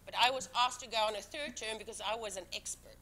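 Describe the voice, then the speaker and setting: Talking fast in a high-leaning, pushed and bright voice, a town commissioner, a woman for whom English is a second language, speaks emphatically and defensively at a public board meeting. She restarts a lot, and the room is a town council meeting room.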